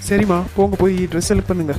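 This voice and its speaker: A man's voice: high-pitched, level tone, very fast, a little mellow, soft background music, natural voice. A man voicing a cocky, teasing rich groom. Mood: smug. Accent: Tamil. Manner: smug, teasing.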